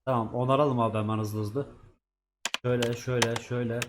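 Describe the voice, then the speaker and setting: A man's voice: medium pitch, steady tone, fast talker, noisy background. Chatty man narrating his gameplay. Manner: chatty, swears at characters, talks to himself while playing. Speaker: gaming YouTuber. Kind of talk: casual let's-play commentary.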